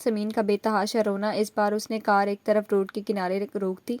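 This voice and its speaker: This is a woman narrating a romance novel as an audiobook, telling the story at a steady pace in a medium-pitched voice. No echo can be heard.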